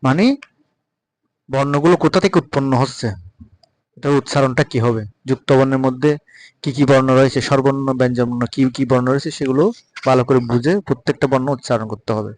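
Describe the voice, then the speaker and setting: A man with a Bengali accent giving a patient spoken pronunciation lesson, repeating example words slowly. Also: medium pitch, fairly even intonation, darkish tone, rough recording. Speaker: Sanskrit recitation teacher.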